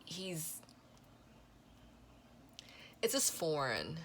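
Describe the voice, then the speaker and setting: A woman's voice: sits low, big pitch swings, extremely slow, a bit bright, a little hiss or hum. Rambling woman giving a tarot reading. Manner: rambling, many "you know" fillers. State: losing her voice. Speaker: tarot reader. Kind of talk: casual spoken tarot reading.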